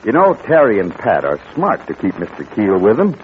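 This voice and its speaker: A man's voice: lowish voice, wildly swooping pitch, normal speed. A male announcer wrapping up and teasing the next episode of a radio serial in a chummy manner, heard as an old radio show. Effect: old radio show sound. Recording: tinny old radio broadcast with faint hiss.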